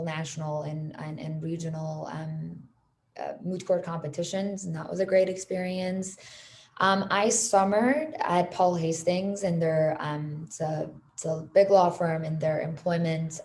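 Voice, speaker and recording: A lawyer in her thirties from Iran, a native Persian speaker, talks on a panel over video call. Her voice is on the low side and a little mellow, and she speaks in a friendly manner with many fillers.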